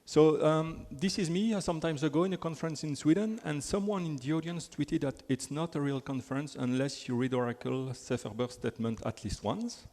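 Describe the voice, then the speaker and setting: A Belgian man with a French accent gives a chatty technical conference talk in a large hall with long reverb. His voice is on the high side and a little mellow, and he talks a little fast with few pauses. He's self-deprecating, full of fillers and restarts.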